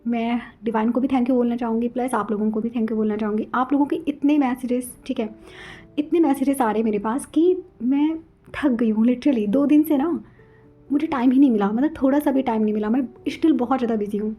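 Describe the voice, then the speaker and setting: A young woman hosting a spiritual channel, talking rapidly and casually to her viewers, mixing in English words and saying "okay" often. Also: fairly high pitch, slightly rough, dull audio, faint music behind. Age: young adult. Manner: rapid, flowing Hindi-English mix, frequent "okay" and "theek hai".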